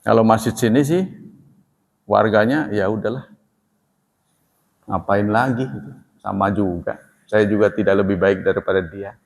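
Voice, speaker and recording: A man's voice: lowish voice, normal speed, vocal fry, pauses often. A man giving a conversational sermon as a preacher, sometimes acting out dialogue in a raised voice. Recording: echoey hall.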